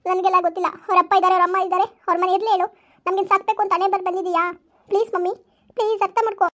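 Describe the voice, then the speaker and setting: A woman's voice: very high-pitched, little pitch movement, racing, fairly bright tone. A woman voicing a tearful young daughter who whines, sobs and pleads in a family skit. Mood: stubborn. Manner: whining, pleading, sobbing complaints.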